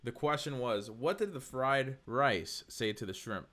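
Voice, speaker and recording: A man's voice: medium pitch, expressive, a little slow, a bit bright. A young male podcast host from North Carolina with a mid-range voice. His talk is upbeat and scripted, and his delivery stays earnest and encouraging throughout.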